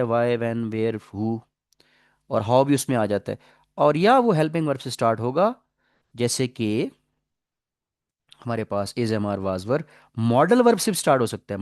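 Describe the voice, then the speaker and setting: A male teacher gives a grammar lecture, his pitch rising and falling in a lively, animated way. He slows down to read English example sentences and keeps quizzing the class. The recording is close and dry, with no room sound. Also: dry recording. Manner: explains slowly, reads English example sentences slowly; asks the class questions and repeats answers.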